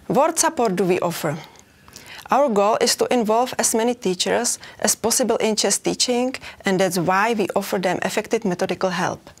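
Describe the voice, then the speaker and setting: A woman's voice: mid-range voice, moderate pace. A woman from the Czech Republic giving a prepared conference presentation for a chess federation, reading steadily with occasional hesitations.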